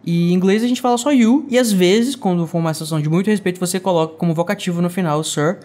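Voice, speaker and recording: A man's voice: high voice, fast talker, a little mellow. A man co-hosting a casual book-club podcast, chatty and full of little tag questions. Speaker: podcast co-host.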